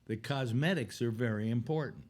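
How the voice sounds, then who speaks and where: A man's voice: medium pitch, moderate pace, darkish tone. A man in his eighties hosting a casual chat show, rambling and wry, often restarting his sentences. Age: 80s. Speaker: host.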